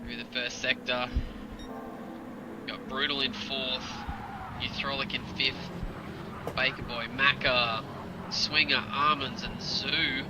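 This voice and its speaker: A man's voice: medium pitch, level tone, slow pace, pauses often. Male motorsport commentator over roaring engine noise. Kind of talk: live sim or club racing commentary. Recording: loud engine and vehicle noise behind. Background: loud car and vehicle noise.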